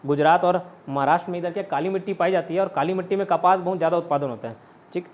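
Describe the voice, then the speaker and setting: A man with a fairly high voice leads an online exam-prep class. He explains step by step and answers his own questions as he goes. The sound is dull and lo-fi. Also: very fast. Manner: often adds "ठीक है" to check understanding. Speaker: teacher.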